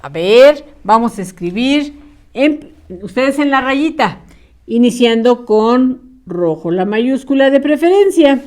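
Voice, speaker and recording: Slow, patient woman teacher dictating. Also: fairly high pitch, expressive, darkish tone. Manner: dictates word by word with long pauses, patient and encouraging. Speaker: primary school teacher. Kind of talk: slow dictation lesson for young children.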